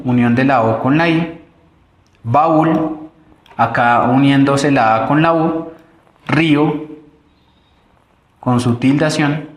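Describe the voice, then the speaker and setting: A man's voice: mid-range voice, roomy sound. A man with a Colombian accent teaching a recorded online grammar lesson, explaining step by step with fillers and restarts.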